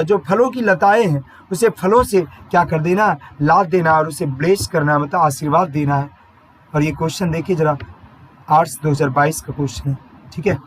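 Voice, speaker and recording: A male teacher explains poetry line by line, unhurried and repetitive, asking his own questions and then answering them. His voice sits fairly high. Faint noise runs underneath. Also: poor audio. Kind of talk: exam-prep lesson explaining English poetry.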